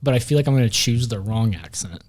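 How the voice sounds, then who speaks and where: Guy hosting a podcast, rambly and jokey, keeps fixing his own words, average pitch. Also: lively intonation, quick pace, a little mellow. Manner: joking, rambling, self-correcting. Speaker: podcast host. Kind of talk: casual podcast chat.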